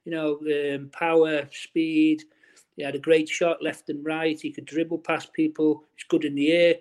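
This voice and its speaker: A man's voice: fairly high pitch, little pitch movement, unhurried, a little mellow. A middle-aged man, a former footballer chatting in an interview, restarting his sentences often and filling with "you know". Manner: chatty, many restarts and fillers. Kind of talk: casual interview, reminiscing.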